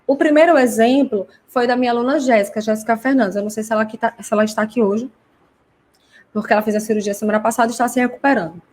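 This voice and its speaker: A woman's voice: a little high, racing, darkish tone. A woman with a Brazilian Portuguese accent who hosts a live class for parents. She explains conversationally, works through many examples and often adds tag questions. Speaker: host and parent educator.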